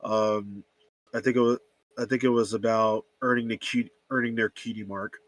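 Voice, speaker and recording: A young man on an online panel, speaking haltingly as he searches for words. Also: fairly low pitch, level tone, no room sound. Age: young adult. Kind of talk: casual online panel chat.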